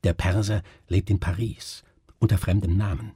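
A man's voice: deep voice, steady tone, moderate pace, breathy edge, no echo, studio quality. A man voicing a doctor passing on a secret in an urgent whisper. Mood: urgent hushed. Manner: whispered, hushed.

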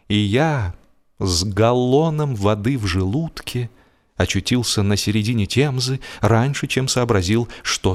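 Reading a humorous story aloud like an audiobook narrator, this man uses an expressive, theatrical storytelling style in a medium-pitched voice.

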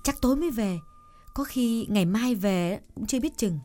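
A woman voicing a shy young village woman in love, speaking softly and hesitantly with stammers in an audiobook drama reading. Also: fairly high pitch, lively intonation, moderate pace, close to an everyday voice.

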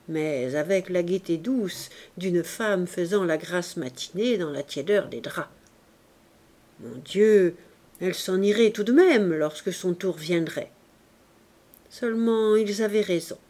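Woman narrator, audiobook reading, warm mellow tone, calm and even. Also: mid-range voice. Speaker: audiobook reader.

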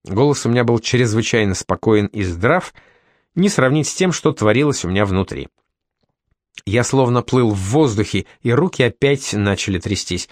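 Guy narrating an audiobook, lively up-and-down pitch, dead dry close mic sound. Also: normal speed, dry recording. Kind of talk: scripted first-person narration.

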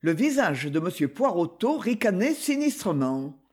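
A man narrating an adventure novel as an audiobook, reading in a dramatic, animated manner. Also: high-pitched, moderate pace, slightly rough.

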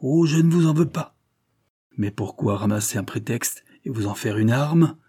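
A man's voice: medium pitch, fairly even intonation, normal speed, warm tone, no room sound, clean studio sound, lightly acted. A man voicing a vehement, impassioned society lady. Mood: scornful. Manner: impassioned, pleading then scornful and vehement. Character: passionate young society woman, desperate then bitter. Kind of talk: audiobook character reading.

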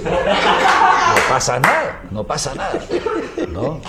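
A man with a medium pitch and an expressive, wide-ranging voice tells a joke as a guest on a radio show, stopping for fillers and laughter. Loud hiss from the broadcast sits under his voice. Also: slow pace.

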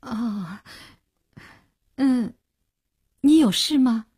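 A woman's voice: on the high side, expressive, very slow, a little mellow, slightly rough, dry recording, clean studio sound, full character voice. A woman voicing a tired young woman who keeps her anger in check. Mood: subdued. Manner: weary, holding back anger.

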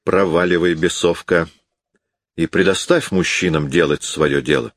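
A man's voice: sits low, unhurried, dry recording. A man reading an audiobook, voicing a brutal, domineering older bandit chief in a harsh, commanding tone.

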